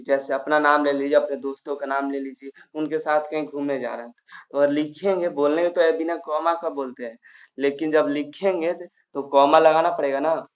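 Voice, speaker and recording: A man's voice: a little high, steady tone, moderate pace, highs cut off. A man teaching a grammar lesson, explaining step by step with fillers and restarts.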